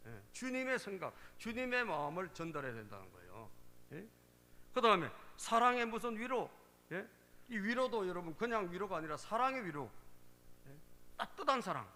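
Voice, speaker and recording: A man's voice: sits high, sharp tone, big-room sound, a little hiss or hum. A male pastor preaching a sermon, emphatic and repeatedly prompting the congregation for a response. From Korea.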